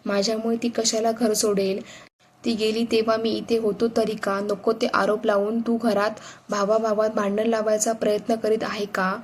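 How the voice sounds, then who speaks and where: A woman's voice: medium pitch, flat delivery, moderate pace, slight background noise, close to an everyday voice. A woman reading a scornful, domineering older uncle. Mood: shouting denial. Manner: scolding, contemptuous.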